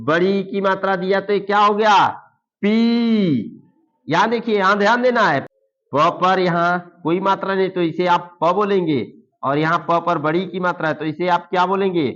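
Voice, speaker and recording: A man teaching beginners to read, sounding out syllables slowly and repeating each word for the learners. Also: high voice, fairly even intonation, fairly bright tone. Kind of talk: slow Hindi reading lesson for beginners. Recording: dull lo-fi recording.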